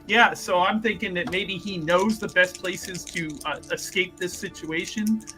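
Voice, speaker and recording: In casual improvised game chat, a man playing a tabletop game jokes and thinks aloud in stop-start phrases. His voice sits high with a steady tone and a measured pace, heard over music.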